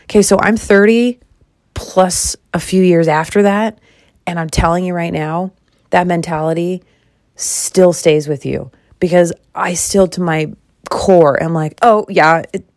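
A woman's voice: no room sound, studio quality. A woman in her mid-thirties hosting a podcast, talking through a personal decision in a candid, sassy monologue with dramatic jumps in her voice. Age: 30s. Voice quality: expressive, dramatic pitch jumps. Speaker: podcast host.

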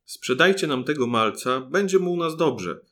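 A man's voice: fairly high pitch, lively intonation, normal speed, a bit bright, voice pushed up. Man doing a greedy scheming stranger.

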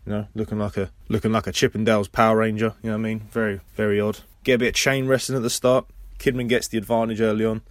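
Low-voiced man rambling through a wrestling recap. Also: little pitch movement, fast talker, no echo. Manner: rambling play-by-play with personal asides. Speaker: podcast host. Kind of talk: casual wrestling episode recap.

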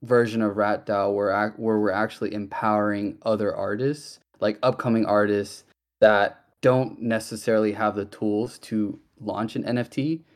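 A man's voice: fairly low pitch, steady tone, moderate pace. A man hosting a casual online Q&A, chatty and loose, with many fillers and restarts. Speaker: project host. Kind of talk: casual audio-room Q&A.

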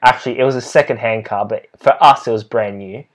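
A young Australian man co-hosting a laid-back podcast, his voice at an ordinary middle pitch. He tells stories with lively energy and acts out what people said. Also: a little fast. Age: young adult. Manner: animated storytelling, acts out quotes. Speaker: podcast co-host. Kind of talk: casual chat.

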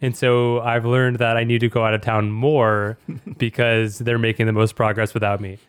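Clear-voiced, talkative male podcast host. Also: mid-range voice, little pitch movement, moderate pace, no room sound, clean studio sound. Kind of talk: casual podcast chat.

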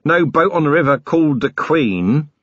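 A man's voice: fairly high pitch, lively intonation, normal speed, no echo, muffled recording, voice pushed up. A man voicing a dim, deferential prisoner. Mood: eager, deferential. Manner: eager, rambling, repeatedly says sir. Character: dim, deferential working-class male prisoner.

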